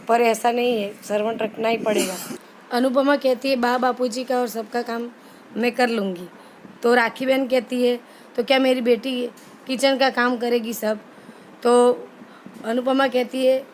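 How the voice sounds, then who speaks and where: A woman's voice: a little high, a little hiss or hum, rough recording. Woman recapping a serial with restarts. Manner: reads dialogue aloud in a flat, even voice with frequent restarts. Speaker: channel host recapping a TV serial. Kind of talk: casual spoken episode recap.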